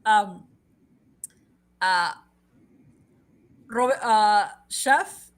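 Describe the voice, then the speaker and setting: In a very slow, mid-range voice, a woman chats casually as a livestream host. She drifts from topic to topic, repeats things, laughs a lot, and moves back and forth between Spanish and English.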